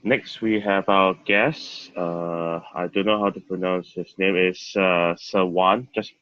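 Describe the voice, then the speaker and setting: A man with a low voice chairs an online speaking-club meeting and introduces each member in turn. His speech is polite and steady. The audio is a dull, dry video-call feed. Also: slow, dry recording. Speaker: meeting president.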